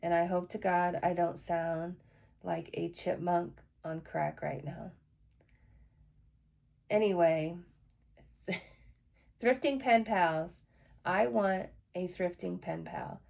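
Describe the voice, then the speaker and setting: A woman's voice: lowish voice, steady tone, slow, creaky, long pauses, a little mellow. A woman hosting a casual solo podcast, chatty and frank, swearing now and then when frustrated. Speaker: podcast host.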